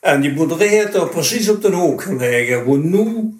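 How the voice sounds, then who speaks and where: A man's voice: fairly high pitch, animated, normal speed. Echoey elderly man, broad Limburg Dutch accent. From Dutch Limburg, Netherlands. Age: late 80s. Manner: rambling, colloquial storytelling. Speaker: interview guest. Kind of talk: informal spoken reminiscence. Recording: echoey, roomy sound.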